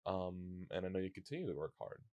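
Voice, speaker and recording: Deep-voiced man hosting with halting speech. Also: expressive, no echo, dull audio. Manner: rambling, halting, many fillers and restarts. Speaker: podcast host. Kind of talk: casual interview chat.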